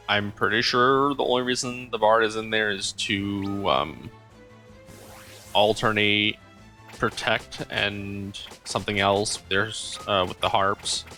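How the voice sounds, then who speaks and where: A man gives casual commentary while playing a video game, stopping often for ums and uhs as he thinks aloud. His voice is fairly low but bright and forceful. Soft game music plays behind him. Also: slow. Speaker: let's play host.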